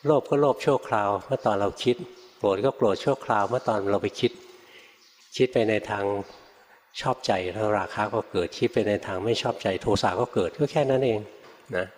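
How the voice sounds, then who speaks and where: Older male monk, low-pitched, casual storytelling sermon in a reverberant hall. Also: brisk. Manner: relaxed, conversational teaching with frequent particles and anecdotes. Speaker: Buddhist monk teacher. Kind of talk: Dharma talk.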